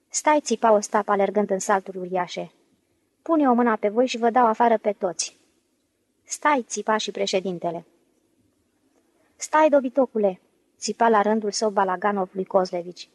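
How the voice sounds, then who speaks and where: A woman narrating a novel as an audiobook, reading lively and raising her voice for the shouted lines. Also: fairly high pitch, no echo, low-quality recording.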